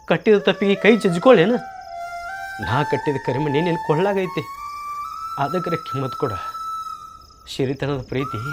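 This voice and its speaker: A man playing a betrayed farm laborer husband in a village short film, with a North Karnataka Kannada accent, pleading and reproachful. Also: on the high side. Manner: pleading and reproachful, rising to anguished shouts. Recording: film soundtrack with background music.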